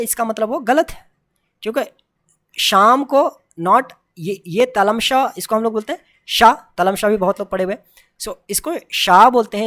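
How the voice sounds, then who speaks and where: A woman teaching a pronunciation lesson to a video audience, with a voice of middling pitch. She drills each sound by repeating it slowly and contrasting the right form with the wrong one. She mixes English phrases into her explanations.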